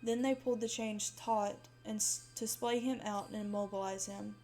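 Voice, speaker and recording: A woman's voice: mid-range voice, fairly even intonation, moderate pace, mellow, soft background music. Woman narrating a creepy holiday horror story. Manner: dramatic first-person storytelling.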